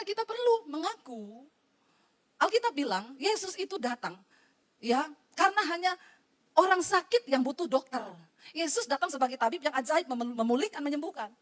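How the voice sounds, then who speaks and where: Woman preacher, high voice, talks fast, chatty sermon, acts out the people in her stories. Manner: lively, colloquial, addresses the congregation directly, acts out quoted voices. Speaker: pastor. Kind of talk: sermon with storytelling.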